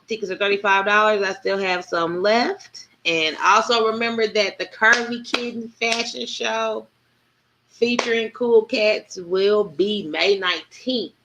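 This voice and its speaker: A woman's voice: medium pitch, fairly even intonation, a little slow, noisy background. Easygoing woman plugging events. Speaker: radio show co-host. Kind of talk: casual sign-off announcements on an online radio show.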